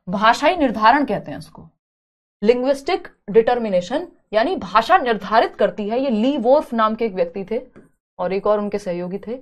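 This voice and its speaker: This woman's pitch sits in the middle as she leads an online exam-prep session live, breaking things down step by step. She also weaves in English words and responds to viewer comments by reading them out.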